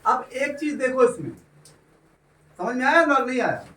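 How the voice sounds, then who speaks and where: High-voiced male teacher, echoey classroom. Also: animated, moderate pace, pushed and bright. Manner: keeps asking if students understand, draws out words. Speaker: chemistry teacher. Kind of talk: classroom lecture. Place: classroom with students. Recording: echoey room, voice from far off.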